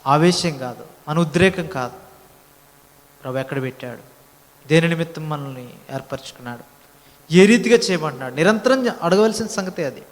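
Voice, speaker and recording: A man preaching a sermon at a prayer meeting, swelling into emphatic lines and asking the listeners questions. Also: on the high side. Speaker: pastor. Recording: long hall reverb.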